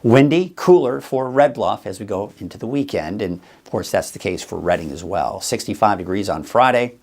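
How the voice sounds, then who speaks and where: A Northern California man hosts a casual live-stream weather show, chatting in a rambling way and thinking aloud with fillers. His voice is lowish and darkish in tone, animated and at a normal speed.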